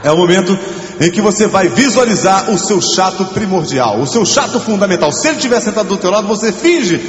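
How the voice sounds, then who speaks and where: Animated man working a theater crowd. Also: high-pitched, fast. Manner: animated, bossy coaxing of the crowd, bursts into shouting. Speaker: comedian leading an audience sing-along. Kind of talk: live stage musical comedy. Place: theater stage before a live audience. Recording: echoey live hall with music.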